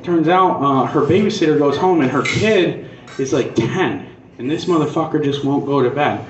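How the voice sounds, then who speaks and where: A man's voice: fairly high pitch, normal speed. A man performing stand-up comedy as a profane, conversational and punchy rant. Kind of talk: stand-up comedy monologue, crude casual rant. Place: live comedy venue on stage. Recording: echoey club room, distant dull mic.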